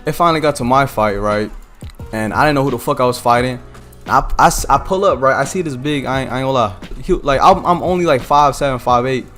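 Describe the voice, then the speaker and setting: A man's voice: mid-range voice, fairly quick, a bit bright, faint music behind. An eighteen-year-old man streaming a game and telling a loose, slangy story full of "you feel me" asides. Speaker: streamer and content creator. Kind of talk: casual storytelling while gaming.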